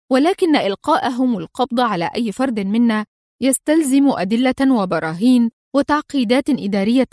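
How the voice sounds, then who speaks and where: A woman voicing a calm, stern male crime boss in a read-aloud spy story. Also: a little high, no room sound, studio quality, lightly acted. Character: grave, commanding older male crime boss.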